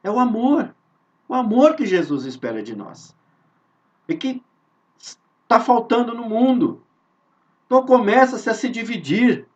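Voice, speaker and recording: Leading a devotional spiritist study, this Brazilian-accented man speaks at an extremely high pitch with big swings, earnest and repetitive, stretching out important words and asking rhetorical questions. The video-call audio comes through dull and lo-fi, as if from a distance.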